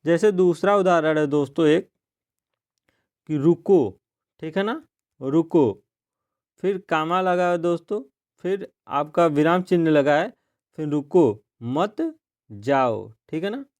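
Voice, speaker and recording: A man teaching a grammar lesson for exam preparation, often checking in with a rising "okay?" and slowing down to read out examples. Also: smooth. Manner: keeps asking "ठीक है ना" in a rising tone, addresses viewers as friends; slows down and drops pitch to read out example sentences.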